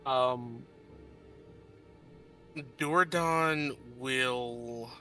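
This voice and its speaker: A man takes his turn as a player in a tabletop game. He talks casually and slowly, searching for words, with a sharp, very bright tone. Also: medium pitch, faint music behind. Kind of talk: casual tabletop role-play.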